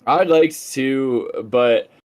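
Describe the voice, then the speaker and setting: A man's voice: medium pitch, drawn-out words, darkish tone. A young man streaming a game, talking in a rambling, enthusiastic way and swearing casually as he chats. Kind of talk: casual live-stream chat while gaming.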